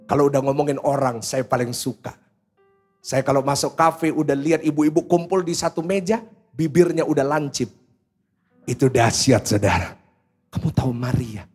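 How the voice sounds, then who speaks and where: Sex: man. Role: pastor. Style: humorous sermon. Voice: high, husky. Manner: humorous, storytelling, addresses congregation directly. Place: large church before a congregation.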